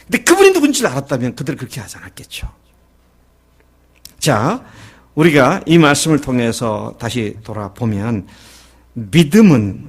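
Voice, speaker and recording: A middle-aged male pastor preaching a sermon, who asks his listeners questions and acts out the quoted lines of the story. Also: on the high side. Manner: lively preaching, acting out Jesus and the disciples in quoted lines; asks the congregation questions and answers them.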